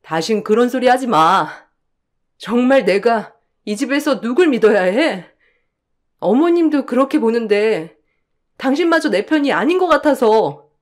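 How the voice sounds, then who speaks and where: A woman's voice: on the high side, expressive, a little slow. A woman playing a hurt young wife who protests emotionally in a radio drama. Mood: indignant.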